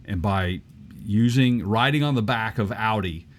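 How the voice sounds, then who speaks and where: A man's voice: lowish voice, measured pace. A man co-hosting a casual chat show, easygoing and agreeable, often restarting his sentences. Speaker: podcast co-host.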